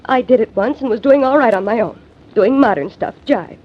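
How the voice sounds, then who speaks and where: A young adult actress plays a nervous young female singer in a 1940s radio drama, her voice fairly high, brisk and lively in intonation. She speaks hesitantly, faltering and stumbling often. The recording has the dull sound of old radio.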